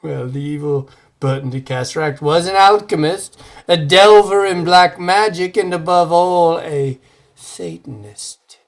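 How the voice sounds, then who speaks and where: In the style of old-time radio horror, an actor plays a grave, formal man recounting a dark legend with deliberate drama. His voice is on the high side, and the mood is solemn and theatrical.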